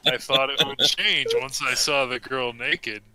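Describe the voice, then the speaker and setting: A young man reading a comic story aloud to friends in a deadpan way, with a close mic. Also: medium pitch, measured pace, crowd noise, poor audio. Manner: deadpan reading, breaking into laughter.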